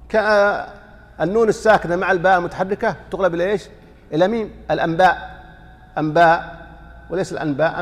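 A man's voice: on the high side, big-room sound. A man teaching a religious lesson, explaining a text and quizzing listeners with rhetorical questions, sometimes chanting sample lines to demonstrate. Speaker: sheikh teaching a fiqh lesson.

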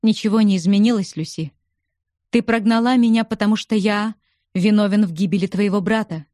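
Lady doing a stern reserved explorer guy, low and somber, darkish mellow tone, audiobook. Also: fairly quick, dry recording, clean studio sound, lightly acted. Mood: grave, restrained.

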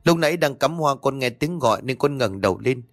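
A man's voice: mid-range voice, animated, a little fast, no echo, studio quality, faint music behind, pitched above the performer's own voice, natural voice. A man voicing a frightened young girl who begs her mother to take her home. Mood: terrified pleading. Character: frightened teenage girl, trembling and pleading.

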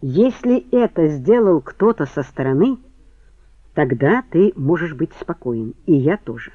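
A man reading the part of a sharp woman who questions her lover in cool, cutting lines. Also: on the high side, expressive, a little slow, no room sound. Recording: tinny phone-like band, dry.

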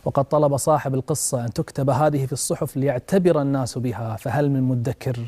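Speaking fast in a dark-toned, medium-pitched voice, this male preacher gives a religious talk. His storytelling is passionate, climbing sharply at the dramatic points, and he addresses the audience as brothers and sisters.

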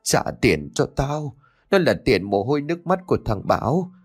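Guy doing a shaky old dad begging for mercy, pitch swinging up and down. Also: big pitch swings, normal speed, slightly rough, faint music behind. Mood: desperate pleading. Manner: trembling, begging. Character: frail old father, pleading and wailing.

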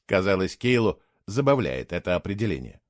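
A man reading a novel aloud in a measured, expressive storytelling way. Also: low voice, dry recording, clean studio sound. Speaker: audiobook reader. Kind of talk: scripted narration.

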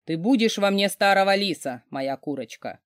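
Woman reading as a gruff rich boss, huge man, barking orders, mocking tone, lively swings, dry close sound. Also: mid-range voice, moderate pace, no echo, close to an everyday voice. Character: overbearing wealthy man, a giant of a boss, mocking.

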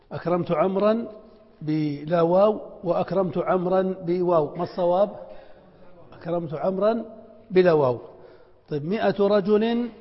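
High-voiced man teaching in a reverberant hall. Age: middle-aged. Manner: quizzes students, then answers his own questions. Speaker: teacher of Arabic spelling. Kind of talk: classroom lesson. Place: lecture hall with students. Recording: dull lo-fi recording with long hall reverb.

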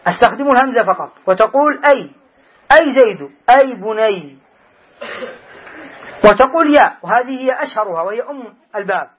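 A man's voice: very high-pitched, breathy edge, muffled recording. A man teaching Arabic grammar as a sheikh in a class, explaining patiently, repeating examples and quizzing his students.

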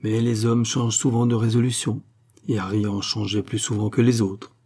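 A man narrating a novel as an audiobook, reading in a measured, even way. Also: fairly low pitch, husky.

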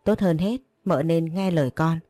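A woman's voice: low-pitched, normal speed, dark tone, dry recording. A woman voicing a brash young female servant in a read-aloud story, whiny and insolent. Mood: threatening.

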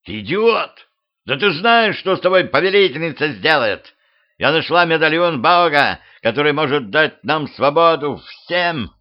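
A brash young woman with a sharp tongue, as a man puts her on rises into a high, shrill register. The muffled lo-fi recording makes it sound home-made. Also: lively intonation, a little slow. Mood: furious.

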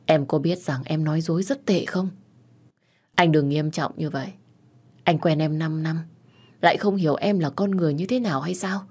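A woman narrating a first-person audio story in a soft, measured way, voicing every character herself. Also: deep voice, breathy edge. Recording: soft music underneath.

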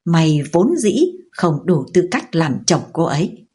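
A man's voice: fairly high pitch, expressive, a little slow, warm tone, husky. A woman voicing an articulate, educated older brother who speaks in a mocking way. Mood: contemptuous. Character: educated older brother, contemptuous, later contrite.

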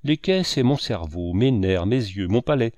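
A man's voice: lowish voice, animated, moderate pace, a little mellow, no echo, lightly acted. A man voicing a self-satisfied male painter who talks in enthusiastic lists. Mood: expansive. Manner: enthusiastic, listing.

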